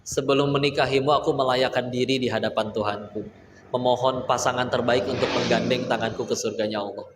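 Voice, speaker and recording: A man preaching a lively sermon, acting out dialogues in playful voices. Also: medium pitch, fairly quick, background noise. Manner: animated, acts out dialogues in playful voices, mixes in Sundanese. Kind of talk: lively sermon to a live audience. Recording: echoey hall with faint ambience.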